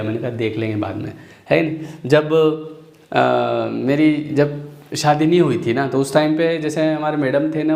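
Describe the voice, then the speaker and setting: A man's voice: medium pitch, a little mellow. A young man from Chhattisgarh teaching an exam-prep English lecture, chatty and joking, often asking his students rhetorical questions. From Chhattisgarh, India. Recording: echoey room.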